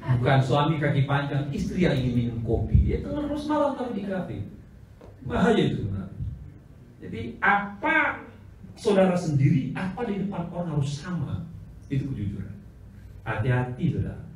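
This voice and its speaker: A male pastor telling stories during a church seminar, acting out the dialogue with animated delivery and frequent laughter. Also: a little high, normal speed, recorded from a distance, slight background noise. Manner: animated storyteller who acts out dialogue and laughs. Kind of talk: anecdotal church seminar teaching. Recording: echoey hall recording from afar.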